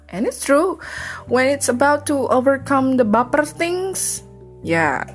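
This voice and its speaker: A woman's voice: sits high, very animated, slow, soft background music. A woman in her thirties hosting a casual solo podcast, chatty and confessional, often laughing and slipping into English phrases. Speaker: podcast host.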